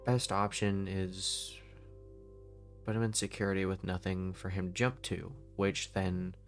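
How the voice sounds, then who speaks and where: A man playing a weary, deep-voiced leader. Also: level tone, unhurried, faint music behind. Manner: rambling, reasoning aloud, frequent restarts. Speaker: roleplay lead. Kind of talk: casual voice-acted roleplay.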